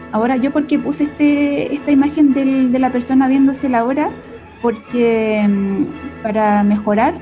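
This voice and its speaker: A woman's voice: a little high, dark tone. A young woman with a Chilean accent, a speech therapist giving a conversational lesson who keeps checking in with her listeners. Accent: Chilean Spanish. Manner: conversational, often tags sentences with a questioning "ya?" or "cierto?". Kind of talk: explanatory lesson. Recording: dull lo-fi recording with faint music.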